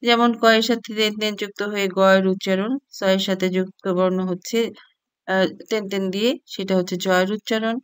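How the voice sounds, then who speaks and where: A woman's voice: medium pitch, little pitch movement, no echo. A woman teaching a language lesson, reading syllables out one by one from a chart. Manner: reads sounds one by one, clear and unhurried.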